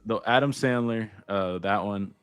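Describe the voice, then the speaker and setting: A man's voice: lowish voice, moderate pace, a crowd in the background. A man of thirty co-hosting a sports podcast in casual chat, easygoing and teasing. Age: 30s. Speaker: podcast co-host.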